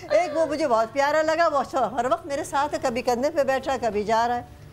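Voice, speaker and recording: A woman's voice: high-pitched, lively intonation, slight background noise. A woman on a talk show panel, telling casual anecdotes and chuckling now and then. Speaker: studio guest panelist. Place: TV studio.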